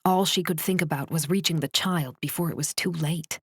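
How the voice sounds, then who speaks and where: A woman narrating a romance novel in a measured, steady storytelling voice, close to the mic. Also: low voice, husky, dry recording. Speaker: audiobook narrator.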